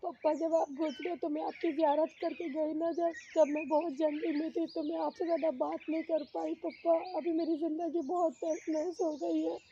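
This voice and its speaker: A woman's voice: very high voice, little pitch movement, moderate pace, few pauses, mellow, dull audio, slight background noise. A woman crying as she talks to her late father at his grave outdoors, pleading with him. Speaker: vlogger. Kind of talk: tearful talk at a father's grave. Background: birdsong.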